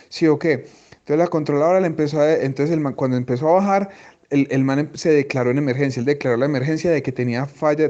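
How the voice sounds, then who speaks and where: A man's voice: medium pitch, a little mellow, lo-fi sound. A man, an airline pilot, casually retelling a story in crude slang.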